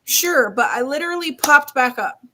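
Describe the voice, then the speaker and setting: Chatty, animated woman host. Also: high voice, background noise. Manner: animated, chatty, quick asides. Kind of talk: casual chat.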